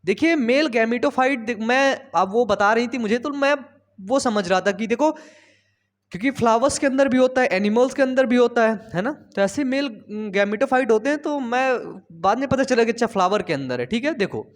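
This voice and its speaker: Chatty, high-voiced male biology teacher. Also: expressive, normal speed. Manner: chatty, coaxing, repeats key terms and asks rhetorical questions. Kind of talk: Hindi classroom-style lesson.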